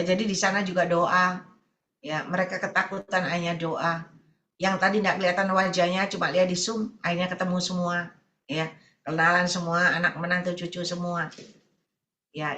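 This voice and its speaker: A woman's voice: lowish voice, a bit bright, roomy sound. A woman evangelist preaching over an online meeting, telling stories and speaking directly to her listeners in short repeated phrases. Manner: storytelling, often addresses listeners as brothers and sisters; repetitive, listing phrases. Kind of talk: sermon over Zoom.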